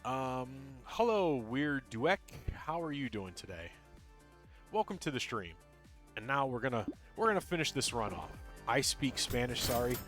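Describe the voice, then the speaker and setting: A male game streamer talks through his run and answers chat, mumbling and rambling with plenty of ums. His pitch swings widely and he sounds animated. Soft game music plays faintly behind him. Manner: tends to mumble and talk fast; rambling, full of ums and uhs. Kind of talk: casual gameplay commentary, chatting with viewers.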